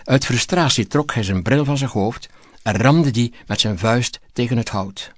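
A man narrating a story in a measured, scripted audiobook reading. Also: medium pitch, dry recording, clean studio sound.

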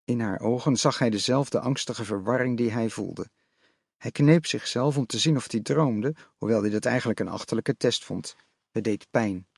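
A male audiobook narrator tells the story in a measured, even delivery. His medium-pitched voice has a gravelly grain, and the recording is dry and close with no room sound.

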